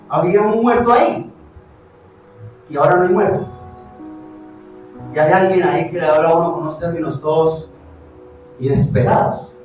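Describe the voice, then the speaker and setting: A man with a Colombian accent preaching a sermon as pastor, animated, asking the congregation questions and swinging from loud to hushed. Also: high voice, lo-fi sound. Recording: very echoey hall, distant mic, faint music.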